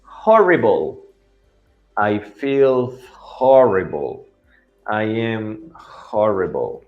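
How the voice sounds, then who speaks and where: A man teaching English to children in an online class, often checking they follow and drilling pronunciation slowly. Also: medium pitch. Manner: teacherly, asks for agreement after each point.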